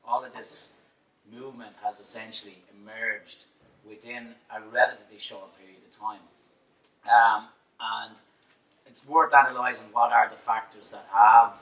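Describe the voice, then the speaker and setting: Measured low-voiced man in an echoey hall. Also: gravelly, sharp tone, distant mic. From Ireland. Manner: measured, analytical, many fillers. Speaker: panel speaker, campaigner. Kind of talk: reflective panel talk. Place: large hall at a bookfair.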